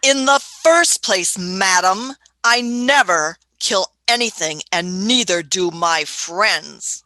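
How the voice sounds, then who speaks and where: A woman's voice: mid-range voice, slow pace, pushed and bright, no room sound, low-quality recording. A woman voicing a fussy elderly Doctor who chuckles, hums and uses old-fashioned phrases in a radio play. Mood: testy. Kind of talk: amateur radio play acting.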